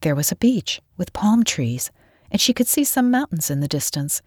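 Brief: woman storybook narrator, low and expressive, dry mic. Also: no room sound. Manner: expressive, measured.

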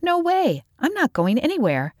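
A woman putting on a fearless, curious girl in a storybook, pitched up higher than the reader's own voice and full of lively swoops. She sounds teasing and eager, recorded close and dry. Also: moderate pace, no echo, close to an everyday voice. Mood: excited. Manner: teasing, excited.

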